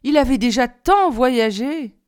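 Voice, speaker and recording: A woman narrating an audiobook reading in a calm, measured way. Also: sits high, clear, resonant tone.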